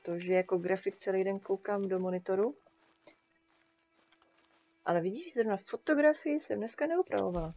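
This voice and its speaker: A woman's voice: medium pitch, long pauses, warm tone, dull audio. A woman streaming a game live, chatting casually with her viewers and talking to the animals on screen. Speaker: streamer and graphic designer.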